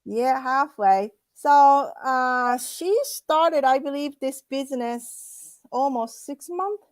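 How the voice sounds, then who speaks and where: A woman hosts a casual chat interview, her voice sitting a little high. She talks in a halting, friendly way, full of fillers and restarts. The sound is dry and close. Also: no room sound. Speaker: host.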